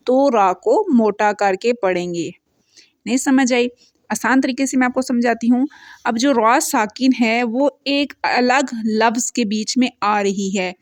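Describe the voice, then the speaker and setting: A fairly high-voiced woman teaching Quran recitation, patient and repetitive, slowing right down to chant each example verse. She explains each rule step by step in a close, dry recording with no room sound. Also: no echo. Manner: patient, repeats points, stretches recited verses slowly.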